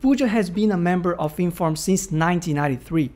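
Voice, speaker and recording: A man hosting a podcast interview reads a formal introduction of his guest, then asks friendly, encouraging questions. His voice sits high with a darkish tone, and he speaks at a quick pace.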